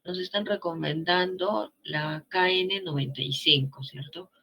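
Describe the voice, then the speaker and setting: Peruvian lady teacher going over grammar real slow, bright but kinda husky, keeps asking if you follow. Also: lowish voice, lo-fi sound. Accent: Peruvian Spanish. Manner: coaxing, checks understanding with rhetorical questions. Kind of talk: grammar lesson.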